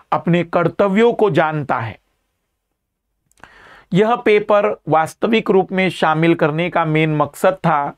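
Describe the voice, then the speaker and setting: A man lectures students in a live online class, his voice sitting a little high. He explains patiently, stresses each key term and often says it twice. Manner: explanatory, emphatic, repeats key terms. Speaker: teacher.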